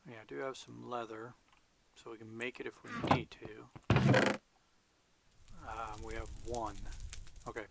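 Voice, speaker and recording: A man's voice: mid-range voice, little pitch movement, measured pace, gravelly, long pauses, background noise. A man talking to himself as he plays a game, musing in half-whispered asides while losing his voice. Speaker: gaming video host. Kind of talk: casual solo gameplay commentary.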